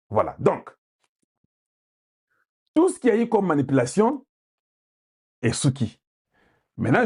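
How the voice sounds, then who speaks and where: A man from Congo with a Congolese French accent, delivering heated, forceful political commentary and repeating points for emphasis. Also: medium pitch, breathy edge. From Democratic Republic of the Congo.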